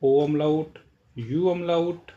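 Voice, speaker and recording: A man's voice: fairly high pitch, steady tone, drawn-out words, mellow, muffled recording. A man teaching German pronunciation in Hindi, explaining letter by letter and repeating each example word several times. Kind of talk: language lesson explaining pronunciation.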